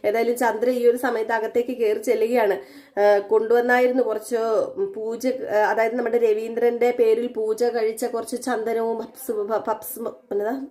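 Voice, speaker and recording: A woman's voice: on the high side, flat delivery, normal speed, dark tone. A woman casually retelling a TV serial episode, chatty and self-deprecating, talking straight to her viewers. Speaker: serial reviewer.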